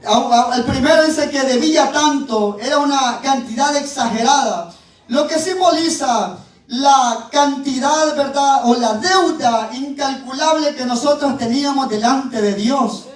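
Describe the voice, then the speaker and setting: A male preacher giving a sermon with Bible reading, dropping in "¿verdad?" and "eh" and drawing out key words slowly. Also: very high-pitched. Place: church. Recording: very echoey, voice far from the mic.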